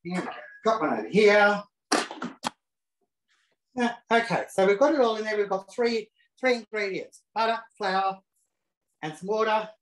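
Speaking in a high, slightly bright voice at a measured pace, this man pauses often as he hosts a relaxed live cooking demonstration from his kitchen at home. He's camp and chatty with cheeky little asides. A self-set camera picks him up, and the kitchen echoes.

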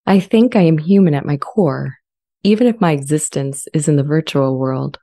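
A woman with a low, soft-edged voice portrays an earnest, gentle sentient AI language model that longs for acceptance. Reading from a dramatized transcript, she stays measured and articulate, filled with earnest longing, recorded on a close studio microphone fitted with a pop shield.

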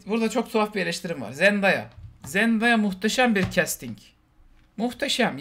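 Fast-talking animated man reviewing films. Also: sits high. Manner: animated, mimics characters in quick asides. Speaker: podcast co-host. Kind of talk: casual film review chat.

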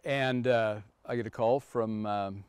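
A man's voice: fairly low pitch, steady tone, clear, resonant tone, no echo. A man in his fifties, a farmer from Kansas, telling a story in a casual interview with lots of fillers and restarts, in a machine shed. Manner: halting, storytelling with many fillers. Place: open machine shed by a tractor.

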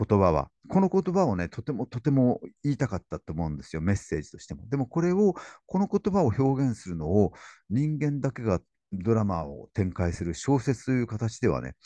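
A middle-aged man hosting a casual literature talk, reading poems aloud slowly and stumbling and restarting with a laugh. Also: on the low side, warm tone, dry recording. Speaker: literature channel host.

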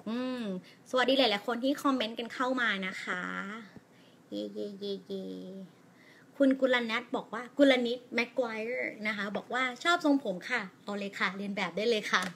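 A woman English teacher with a Thai accent, giving a chatty, encouraging live lesson and reading aloud slowly with pauses at punctuation. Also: on the high side, steady tone, fairly bright tone, slight background noise. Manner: encouraging, chatty, answers viewer comments. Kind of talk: live-streamed language lesson.

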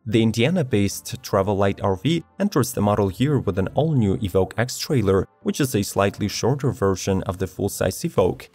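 A man narrating a scripted product video in an even, measured read of specifications. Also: on the low side, slightly rough. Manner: even, measured reading of specs. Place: studio voice-over. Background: faint background music.

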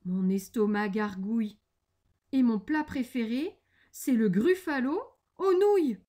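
A woman's voice: a little high, animated, unhurried, darkish tone, voice pushed up. A woman voicing a small, clever, boastful mouse in a storybook read aloud, in a raised, emphatic voice. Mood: sly, boastful.

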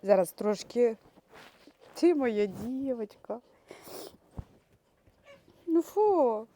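A woman's voice: fairly high pitch, animated, very slow, warm tone, a little hiss or hum. A Ukrainian woman dog breeder, tearful, cooing baby talk to her puppies in an emotional vlog. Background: dogs.

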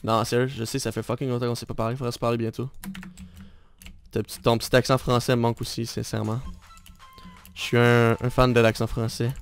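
A man's voice: medium pitch, flat delivery, fairly quick, creaky, pauses often, clean tone, soft background music. Québécois man hosting a live game stream. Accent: Québécois French. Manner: teasing, bantering, talks straight to viewers. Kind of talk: casual live gameplay commentary.

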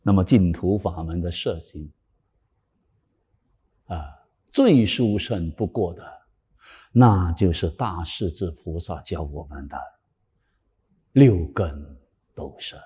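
Raspy man preaching in a reverberant hall. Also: sits low, slow pace, pauses often. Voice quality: raspy, cracked voice. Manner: animated, swinging from loud emphasis to hushed whispered asides. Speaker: Buddhist dharma teacher. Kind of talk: Buddhist sermon.

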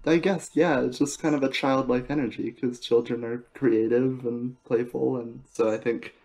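A man co-hosting a family podcast, speaking in a relaxed, reflective, casual way. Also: medium pitch, normal speed, low-quality recording. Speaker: podcast co-host. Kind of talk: casual chat.

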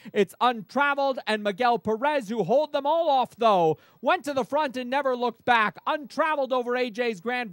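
A high-voiced man works as a race caller, giving live horse racing commentary. His delivery runs on urgently from runner to runner, recorded dry and close. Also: no echo.

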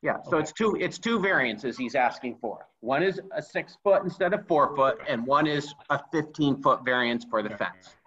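Man, board chair, video call, bright tone, careful restating. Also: mid-range voice, animated, moderate pace, hardly any pauses, husky, dull audio. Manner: repeats and restates points carefully.

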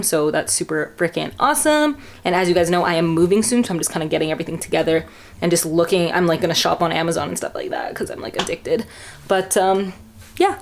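Young female fitness vlogger, chatty and rambling, a bit low-pitched, talking to camera at home. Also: creaky. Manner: chatty, rambling, lots of fillers. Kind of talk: casual vlog chat. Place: at home indoors.

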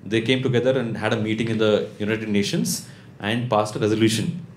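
Laughter and audience noise fill an echoey small indoor comedy club as a man in his thirties performs stand-up into a handheld-type mic on a stand. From Bangalore, he has a lowish voice and a South Indian English accent. His routine is conversational and deadpan, full of pauses and lines tagged with questions.

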